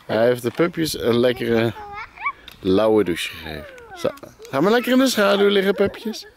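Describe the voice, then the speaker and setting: A man's voice: mid-range voice, wildly swooping pitch, normal speed, background noise. A man in his thirties filming a casual family vlog at a campsite, bantering in a joking mock-announcer way. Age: 30s. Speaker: vlogging father. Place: outdoors at a campsite. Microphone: handheld camera behind the lens. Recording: background music under voice.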